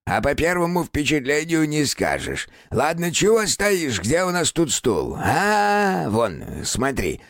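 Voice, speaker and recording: A man voicing a small, furry, ancient house spirit in an audiobook, creaky and grumbling, teasing the boy he talks to. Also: fairly high pitch, huge pitch swings, takes it slowly, hardly any pauses, dry recording, clean studio sound, voice pushed up, full character voice. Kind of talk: audiobook character voice.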